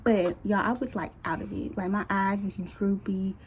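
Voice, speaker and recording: Young woman, late teens, casual storytime vlog, chatty, candid, middle pitch, faint room hum. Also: fairly even intonation. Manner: chatty, addresses viewers as y'all; candid, colloquial, quick asides. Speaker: vlogger. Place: at home, baby nearby.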